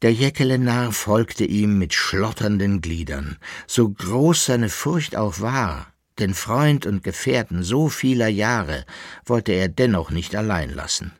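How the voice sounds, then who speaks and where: A man narrating a literary novel as an audiobook, telling the story in a measured, expressive way. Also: fairly low pitch, dry recording, clean studio sound. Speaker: audiobook reader.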